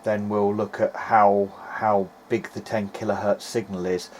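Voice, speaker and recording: A hobbyist electronics repairer narrates an informal video diary while testing equipment, thinking aloud hesitantly. His voice sits on the low side, level and unhurried, and the amateur recording is noisy.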